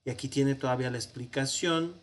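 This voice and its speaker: A man's voice: mid-range voice, a little fast. A man with a Mexican Spanish accent giving a patient, explanatory online grammar lesson. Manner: patient, explanatory, self-correcting, with many "este" fillers. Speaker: Hebrew grammar teacher.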